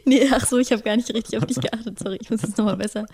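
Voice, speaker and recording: A woman co-hosting a casual podcast chat, stressing many words in a lively, melodic way. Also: a little high, very fast, husky. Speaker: podcast co-host.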